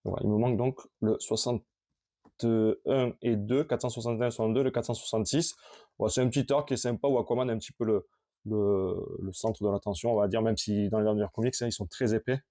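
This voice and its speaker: A man casually showing his collection on camera, talking in a halting, rambling way with many restarts. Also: lowish voice, steady tone, mellow.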